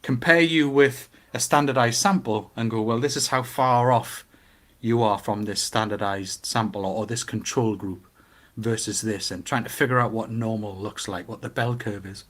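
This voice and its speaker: A middle-aged man with a Newcastle Geordie accent, chatting casually and giving his opinions in an animated way, with rhetorical questions. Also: on the low side, normal speed, hardly any pauses. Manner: animated storytelling with acted-out quotes and rhetorical questions.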